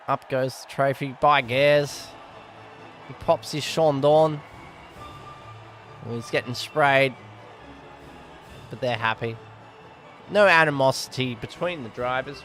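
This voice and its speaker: A man's voice: on the high side, a bit bright. A man giving casual, rambling live commentary on a sim race, often correcting himself.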